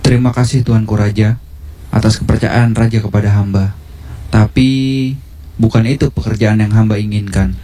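A man's voice: on the low side, steady tone, moderate pace, long pauses, mellow, close to an everyday voice. A man playing a proud, determined warrior in a historical drama, speaking formally and firmly. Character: proud, determined warrior seeking royal command post. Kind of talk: Indonesian historical drama dialogue.

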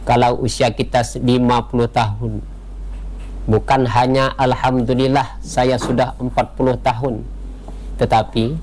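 A man giving a radio sermon in a measured way, opening with Arabic prayer formulas. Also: mid-range voice, flat delivery, darkish tone, poor audio. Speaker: radio preacher.

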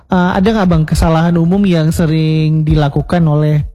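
A man's voice: fairly high pitch, flat delivery, moderate pace, mellow. A man hosting a casual interview, asking curious, polite questions and often addressing the guest respectfully. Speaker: podcast host.

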